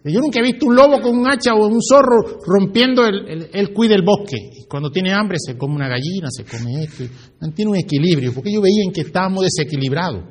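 A man preaching a sermon to a congregation, animated and storytelling, asking the listeners questions. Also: high-pitched, a little fast. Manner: animated, asks the audience questions and tells stories.

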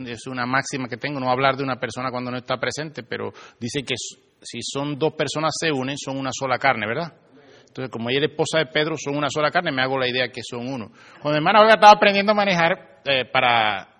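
A man's voice: mid-range voice, sharp tone. A man preaching a sermon in a conversational way, often acting out the people he quotes, in a church hall. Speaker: pastor. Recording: long hall reverb.

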